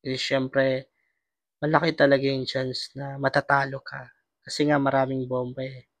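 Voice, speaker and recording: A man's voice: mid-range voice, level tone, moderate pace, dry recording. A young Filipino man hosting a casual gaming vlog, his voice strained by a cough. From Philippines. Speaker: vlogger and host.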